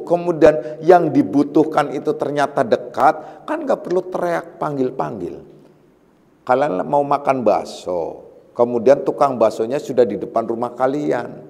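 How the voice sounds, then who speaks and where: A man's voice: medium pitch, creaky, darkish tone. Man teaching a religious lecture in a reverberant hall. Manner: explains patiently with repetition and everyday examples; warns emphatically. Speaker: Sufi teacher giving a night study session. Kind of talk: religious lecture on a classical text.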